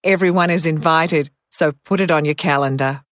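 A woman playing an informative zoo announcer, delivering a scripted, clearly enunciated public announcement. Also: low-pitched, normal speed, a bit bright, no room sound, studio quality. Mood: informative, inviting.

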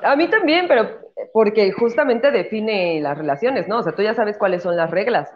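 A woman's voice: mid-range voice, animated, moderate pace, slight background noise. A woman, chatting on a podcast from her living room at home, talking things through step by step. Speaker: podcast co-host. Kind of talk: casual chat. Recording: dull lo-fi audio.

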